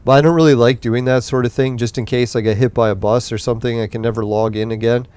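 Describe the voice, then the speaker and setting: During late-night gameplay commentary for his gaming podcast, a young host rambles and swears in a relaxed way as his voice grows tired. His mid-range voice is smooth, a little mellow and fairly even in intonation, delivered quickly on a dry recording.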